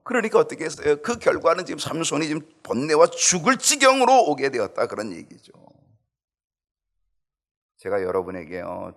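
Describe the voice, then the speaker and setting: Male pastor, sermon delivery, swoops high for acted pleas, lively intonation. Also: vocal fry. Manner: animated preaching, acts out quoted pleas in high voice. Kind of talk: Bible study sermon.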